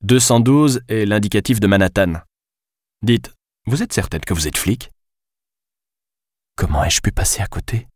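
Man reading as a smug teasing guy, low voice, sarcastic, dead dry sound. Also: measured pace, long pauses, darkish tone, dry recording. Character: sarcastic man in handcuffs, mocking.

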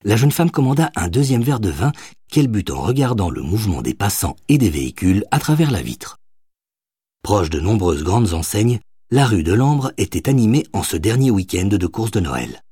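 A man narrates an audiobook with expressive storytelling. His husky voice sits fairly low yet moves a lot in pitch. The recording is close and dry, with no room sound. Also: moderate pace, no echo.

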